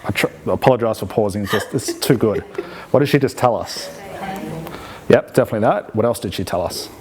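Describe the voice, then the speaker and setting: A man's voice: on the low side, fast talker, a crowd in the background. A man teaching hypnosis in a live demonstration, explaining conversationally and checking in with rhetorical questions. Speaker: hypnosis instructor.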